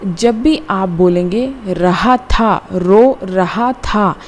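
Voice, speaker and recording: A woman teaching a grammar lesson, explaining slowly and deliberately word by word, with frequent repetition. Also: mid-range voice, a little hiss or hum. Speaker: English teacher. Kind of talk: classroom-style grammar lesson.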